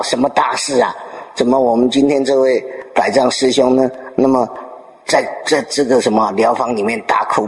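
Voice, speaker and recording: A man giving a Buddhist dharma talk, telling a Zen story with lively storytelling and rhetorical questions to his listeners. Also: medium pitch, gravelly. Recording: long reverb in a hall.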